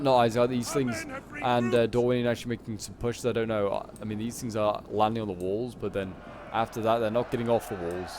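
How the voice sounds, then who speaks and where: A man gives off-the-cuff play-by-play on a strategy game. His delivery is colloquial and animated, reacting as things unfold. Clear ambient noise sits behind his voice. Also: mid-range voice. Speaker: gameplay commentator. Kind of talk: casual live commentary on a strategy game battle.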